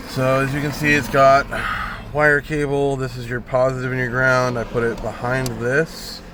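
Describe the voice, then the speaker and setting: A man with a mid-range, fairly bright voice films a casual DIY truck install from inside the cab, plainly pointing things out with some mild grumbling. It's handheld camera audio with faint vehicle noise.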